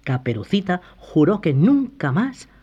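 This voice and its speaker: Unhurried, animated fairy-tale narrator over soft music, slightly muffled. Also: mid-range voice, breathy edge. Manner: unhurried and lively. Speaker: storyteller.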